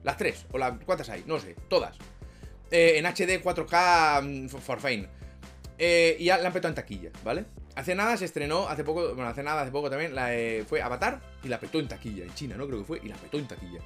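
A man's voice: fairly high pitch, animated, brisk, a bit bright, faint music behind. A man from Spain with a Spain Spanish accent, chatting casually to his viewers, swearing a lot and laughing at his own jokes. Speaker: video creator and streamer. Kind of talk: casual talk to camera.

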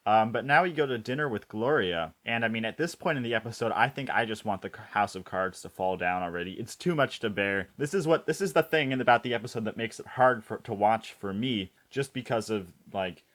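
Male podcast co-host, lowish voice, measured and reflective, lots of um. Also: fairly bright tone. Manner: thoughtful, measured, uses fillers like um. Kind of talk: casual chat about a TV episode.

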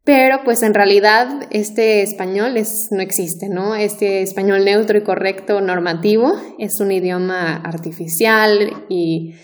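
A woman's voice: medium pitch, fairly even intonation, measured pace, hardly any pauses. A woman co-hosting a Spanish-learning podcast, chatty and thinking aloud with many fillers and restarts. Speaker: Spanish teacher and podcast co-host. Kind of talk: casual podcast conversation.

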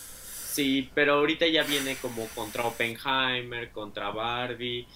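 A man's voice: mid-range voice, steady tone, bright, forceful tone, a little hiss or hum. A man with a Mexican accent co-hosting a podcast, chatting casually about films with lots of fillers. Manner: chatty, hedging with fillers, quick to laugh. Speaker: podcast co-host. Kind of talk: casual film chat.

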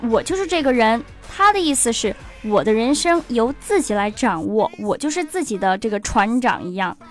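A woman presenting an English lesson built on song lyrics, reading the English lines slowly and explaining them in Chinese. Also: fairly high pitch. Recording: faint music underneath.

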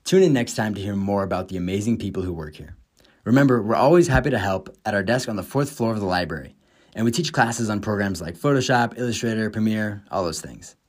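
An American podcast host in his twenties reads a scripted monologue with upbeat enthusiasm. He talks fast and animatedly, and his voice is a little low for a man.

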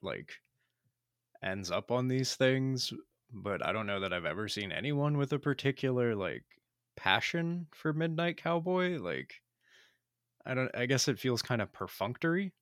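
A man's voice: on the low side, a bit bright, no room sound, studio quality. A man with a Pennsylvania accent, co-hosting a podcast, asking long rambling questions full of fillers. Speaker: podcast co-host. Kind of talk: casual film discussion.

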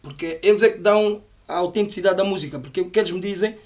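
Man, middle-aged, very quick pace, casual slangy storytelling, animated, reflective, rapper interviewee. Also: high voice. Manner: animated, reflective, peppered with "yeah" and "estás a ver". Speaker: rapper interviewed about his albums.

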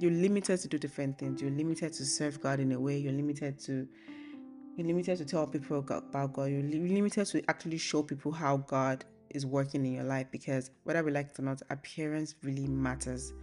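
A young woman hosting a casual faith podcast, chatting informally and thinking aloud in a relaxed, rambling way. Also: deep voice. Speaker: podcast host. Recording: soft guitar music behind the voice. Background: acoustic guitar music.

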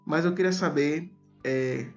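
A man with a fairly high voice and a slushy, tongue-tied lisp hosts a casual podcast. He repeats and trips over words, poking fun at himself. The sound is dull and lo-fi, with music behind him. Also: a little fast. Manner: stumbles over and repeats words, self-deprecating. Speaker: podcast host. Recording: dull lo-fi audio, background music.

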